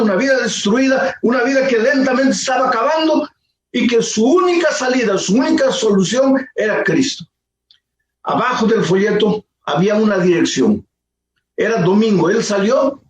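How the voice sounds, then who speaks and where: A man pastor telling a story in a sermon, dramatic, swinging between soft slow lines and raised pleading. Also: sits high, slight background noise. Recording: roomy echo with faint ambience.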